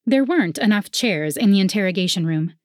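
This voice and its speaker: A woman reads a first-person story aloud in a lively, clear narrating voice at a middle pitch. The recording is close and dry, with no room sound. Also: fairly quick, no room sound. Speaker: audiobook narrator.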